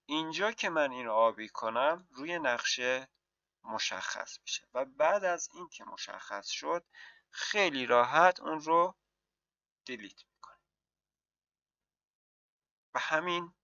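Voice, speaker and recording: A man teaching mapping software in a screen-recorded tutorial, walking through each step and answering his own questions. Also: mid-range voice, dry recording, lo-fi sound. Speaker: software instructor.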